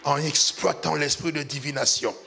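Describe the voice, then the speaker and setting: A man's voice: a little high, fairly even intonation, moderate pace, vocal fry, bright, forceful tone, faint music behind. A man pastor preaching a sermon in a sing-song cadence, climbing to emphatic peaks.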